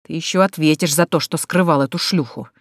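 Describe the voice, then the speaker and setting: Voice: mid-range voice, steady tone, brisk, no room sound, studio quality, lightly acted. A reader voicing a coarse, sneering nobleman who barks insults in an audiobook. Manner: spiteful, barking insults. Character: brutal sneering nobleman, a grown man. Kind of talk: audiobook character voice.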